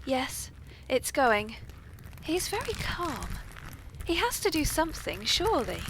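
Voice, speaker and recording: On a poorly recorded, noisy amateur podcast, a British host presides over a comic tea party in a playfully arch, genteel and polite way. She speaks unhurriedly in a high-pitched voice that swings widely in pitch.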